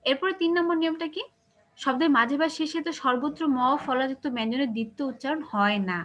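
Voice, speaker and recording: A woman teacher with a Bangladeshi Bengali accent runs an online class in a high, slightly bright voice, speaking quickly. She patiently explains each step and keeps asking her students whether they understand.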